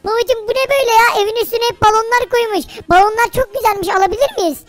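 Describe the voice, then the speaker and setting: A man voicing an excitable, whiny little boy in a Minecraft role-play, calling his dad in a chatty way. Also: extremely high pitch, quick pace, voice pushed up. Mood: curious.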